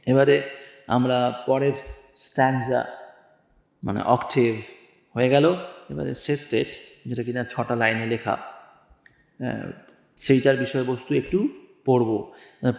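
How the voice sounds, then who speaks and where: Slow, gravelly man teaching poetry. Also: mid-range voice, a little mellow, roomy sound, big-room sound. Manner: slow, spells out words and asks questions to students. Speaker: English teacher. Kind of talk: poetry lesson explaining lines.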